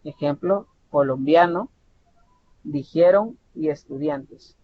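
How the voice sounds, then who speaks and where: A Salvadoran man tutors an online lesson slowly and patiently, often restarting words and checking in with "¿verdad?". The audio is dull and lo-fi with a faint rumble.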